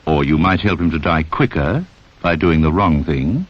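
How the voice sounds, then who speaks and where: Narrating a 1960s public information film, a deep-voiced, slightly rough man gives pointed, scripted instruction straight to the listener. He is expressive, with widely moving intonation at a moderate pace, over a dull, dated soundtrack.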